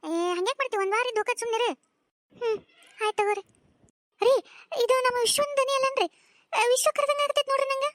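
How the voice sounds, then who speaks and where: A woman's voice: very high voice, flat delivery, fast, long pauses, fairly bright tone, no echo, studio quality. A woman voicing a doting older village mother with a North Karnataka accent, tearful and pleading, in a cartoon. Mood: coaxing. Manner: pleading, emotional. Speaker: voice actor. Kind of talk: cartoon voice acting.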